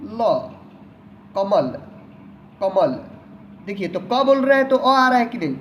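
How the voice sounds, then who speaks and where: A man's voice: very high-pitched, fast talker, a bit bright, slight background noise. A man teaching an online lesson in a patient manner, who repeats each word several times and often addresses the viewer as his friend.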